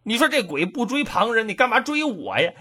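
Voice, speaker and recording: A frantic, self-pitying man sure that a ghost is on his heels, with a high, bright, husky voice that leaps around as he wails at his bad luck, as a male storyteller puts him on. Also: big pitch swings, a little fast, full character voice. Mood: panicked. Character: terrified man fleeing a ghost, panicky.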